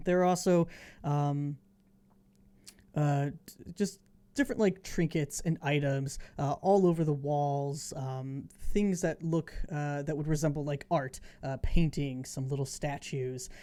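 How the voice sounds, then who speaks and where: A woman running a tabletop game, improvising scene narration piece by piece in a halting way. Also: low voice, steady tone, dark tone. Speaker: game master.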